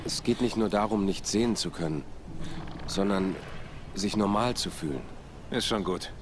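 Game detective sidekick, male, low-voiced, quiet and apologetic, played by a man. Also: moderate pace, noisy background, close to an everyday voice. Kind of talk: game dialogue, dubbed.

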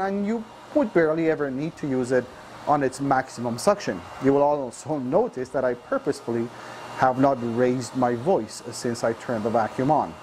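A man's voice: medium pitch, darkish tone, a little hiss or hum. Upbeat man demonstrating a vacuum. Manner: upbeat salesy explaining with fillers. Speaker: vacuum store presenter. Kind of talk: product demonstration. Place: dark studio showroom, indoors.

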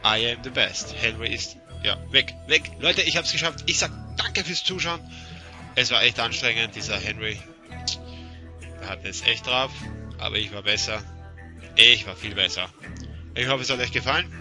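A young man giving excited commentary while he plays a game, shouting and jumpy, swinging between panic and boasting. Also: mid-range voice, normal speed, soft background music. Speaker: Let's Play gamer.

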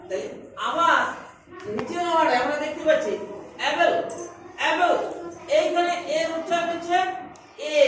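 A high-pitched woman teaches phonics in a slow, repetitive way, repeating every example word. She sounds distant, and her voice rings through a very echoey room over a faint hiss. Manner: slow, repetitive, explaining each word aloud. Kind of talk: classroom phonics lesson.

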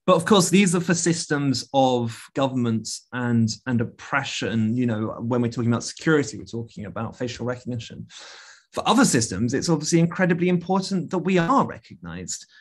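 A man's voice: mid-range voice, animated, fairly quick, husky. A man, a guest artist, answering questions on a video call, thoughtful and full of fillers and restarts. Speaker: guest speaker, media artist. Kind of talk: casual talk and Q&A.

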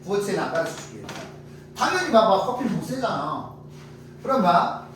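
A man teaching English grammar to a class, drilling students with quick questions and lively explanations. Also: high voice. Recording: echoey classroom from far off, faint noise.

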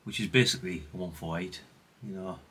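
With a low, slightly rough but fairly bright voice and fairly even intonation, a middle-aged British hobbyist briskly works through a hands-on radio repair. His casual, unscripted presentation rambles and features self-deprecation and mild swearing.

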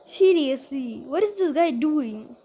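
A woman's voice: high voice, expressive, takes it slowly, dark tone. A woman giving casual, rambling gameplay commentary, exasperated and talking straight to her viewers. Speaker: gaming channel host.

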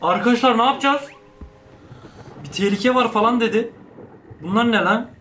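A young man giving casual, slangy gameplay commentary, excitable and chatting to the characters on screen. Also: very high voice, normal speed, a little hiss or hum. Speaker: gaming YouTuber.

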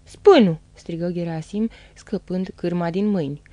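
A woman narrating an audiobook of a novel in a steady, dramatic storytelling manner. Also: medium pitch, dry recording. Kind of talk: audiobook reading.

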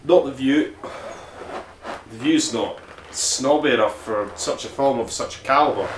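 A man's voice: mid-range voice, unhurried. Brief: male host, casual sweary film reviewer, echoey room, faint hiss. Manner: sweary, rambling, jokey. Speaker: podcast host reviewing films.

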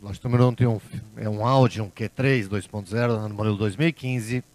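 A man's voice: on the low side, fairly even intonation, fairly quick, darkish tone. A man working as an auctioneer, calling bids at a car auction in a repetitive chant.

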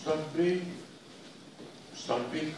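A man voicing an eager, excitable father, in an echoey room from a distant mic. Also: a little high, noisy background, voice pushed up, lightly acted.

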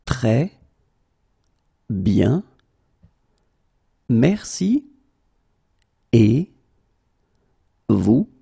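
A man's voice: medium pitch, very animated, very slow, gravelly, pauses often, warm tone, breathy edge, no echo. A man teaching French phrases, saying each one, then breaking it into single words, then saying it again. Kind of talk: slow phrase drills for learners.

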